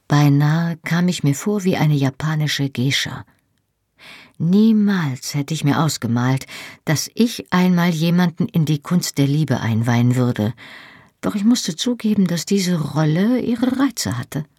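Female audiobook narrator: measured first-person storytelling, slow, husky, close mic. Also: sits low, animated, a little mellow, no echo.

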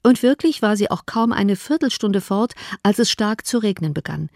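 A woman reading a classic novel aloud in a calm, measured manner. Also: medium pitch, dry recording, studio quality. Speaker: audiobook reader. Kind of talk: scripted narration.

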